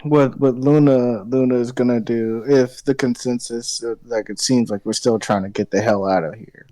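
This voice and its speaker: A man chatting casually as a tabletop game player, thinking aloud haltingly and swearing freely. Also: mid-range voice, fairly even intonation, warm tone, no room sound, low-quality recording.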